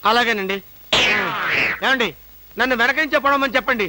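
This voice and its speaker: Timid frightened client, whining, fast talk, very high bright voice. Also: male voice, heavily acted, poor audio. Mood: scared. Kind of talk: comic film dialogue.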